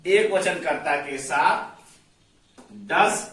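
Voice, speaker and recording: A man teaching English grammar, explaining each rule step by step and slowly repeating his examples. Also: high-pitched, a bit bright, recorded from a distance, a little hiss or hum. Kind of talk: slow classroom explanation. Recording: very echoey room, voice away from the mic.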